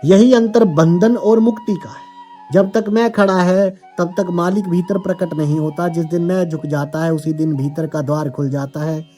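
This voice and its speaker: Calm guy giving a spiritual sermon, warm mellow voice, faint music under it. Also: a little high. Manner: calm, measured, addresses listeners as seekers. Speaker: spiritual teacher. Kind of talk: devotional spiritual discourse.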